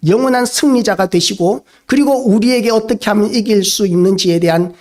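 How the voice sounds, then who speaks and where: A man preaching a sermon as a pastor, earnest and steady, posing rhetorical questions to the congregation. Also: high voice, a little fast.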